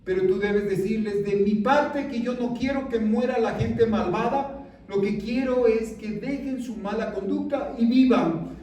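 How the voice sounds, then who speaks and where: A man's voice: high-pitched, measured pace, mellow. A male pastor preaching a sermon with fervor, often putting questions to the congregation. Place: large church sanctuary. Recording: echoey church hall from a far mic, congregation audible. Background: congregation responding.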